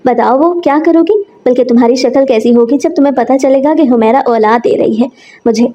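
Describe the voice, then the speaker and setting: A woman's voice: high-pitched, a little fast, mellow. A woman voicing a scornful husband who taunts his wife, read as part of a storybook narration. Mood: mocking. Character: grown man, a scornful mocking husband.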